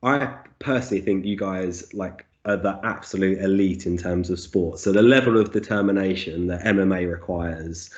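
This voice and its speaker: A man's voice: deep voice, normal speed, few pauses. A man hosting an interview, friendly and enthusiastic as he puts questions to his guest. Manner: friendly, enthusiastic, says "very cool". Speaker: podcast host. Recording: dull lo-fi audio.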